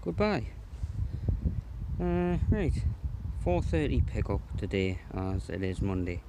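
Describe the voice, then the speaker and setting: A man's voice: on the low side, very animated, takes it slowly, background noise. A man from North East England, chatting bluntly in a sweary, casual vlog. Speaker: vlogger.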